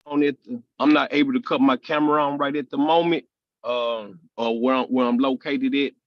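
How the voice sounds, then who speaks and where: A man speaks in an online meeting. He is friendly and rambles a little. His voice is mid-pitched, and the dull call audio sounds dry. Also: fairly even intonation, a little fast, no room sound. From Memphis, Tennessee, US. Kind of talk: casual online meeting talk. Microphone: video call.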